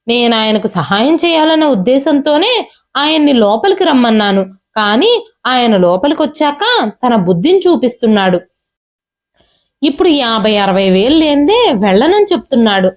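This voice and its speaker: A woman voicing an arrogant, cruel young man who harshly dismisses his father and shouts. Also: fairly high pitch, animated, normal speed, natural voice. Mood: shouting.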